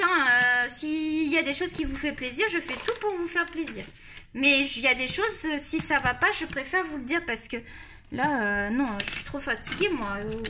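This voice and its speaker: A woman with a bright, high voice and a Marseille lilt talks casually as she tries out pencils, rambling and poking fun at herself. A faint hiss sits under her voice. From France. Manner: chatty, rambling, self-mocking. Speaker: coloring channel host. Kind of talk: casual chat while testing art supplies.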